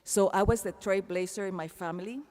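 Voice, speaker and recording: In a big indoor arena where the amplified sound echoes long, a commencement speaker with a Panamanian accent shares a personal speech. She has a mid-range, slightly mellow voice and talks a little fast.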